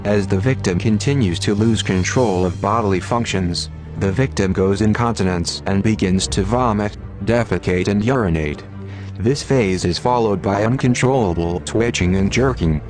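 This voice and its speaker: Disguised deep male voice over music. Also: normal speed. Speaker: anonymous narrator of an online message. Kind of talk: scripted read-out statement.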